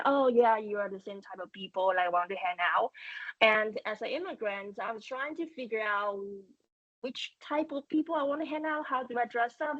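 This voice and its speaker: Halting Taiwanese-accented woman on a dull line. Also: on the high side, a bit bright, no room sound. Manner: halting, many fillers and restarts. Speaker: startup founder, guest. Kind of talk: fireside chat interview.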